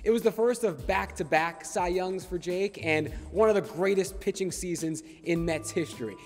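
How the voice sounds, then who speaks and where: A young man hosting a pregame baseball show, delivering scripted segments with energetic, promotional punch from around the ballpark. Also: high voice, normal speed, faint music behind. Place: ballpark concourse and museum.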